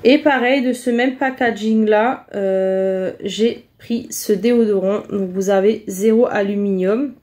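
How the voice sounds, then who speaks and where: Chatty French-speaking woman, mellow voice. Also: mid-range voice, a little slow, hardly any pauses. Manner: chatty, hesitant, many fillers. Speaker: vlogger showing a shopping haul. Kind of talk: casual haul vlog chat.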